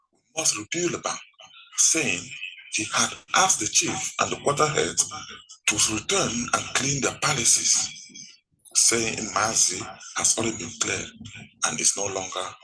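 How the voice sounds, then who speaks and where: A man reading a formal news report as the correspondent, in a measured voice. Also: on the low side, animated. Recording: noisy background hiss.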